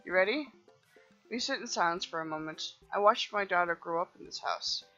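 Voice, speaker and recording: A woman's voice: lowish voice, brisk, bright, forceful tone, dull audio, soft background music. A woman playing a dating game, reading the dialogue aloud playfully and laughing at her own jokes.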